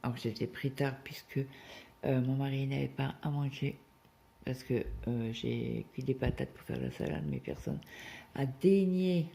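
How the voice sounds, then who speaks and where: Chatty woman with a gravelly, mellow voice. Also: very deep voice, lively intonation, unhurried. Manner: rambling, chatty storytelling with many asides. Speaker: cross-stitch vlogger. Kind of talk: casual chat while stitching.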